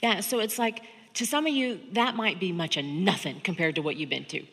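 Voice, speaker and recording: A woman in her thirties from Georgia, United States, speaks briskly in a lowish, gravelly voice that's fairly bright with a breathy edge. A sex therapist with an American accent, she sits at a high table on an auditorium stage, sharing personal stories candidly in an informal seminar talk. The sound is echoey, with stage acoustics.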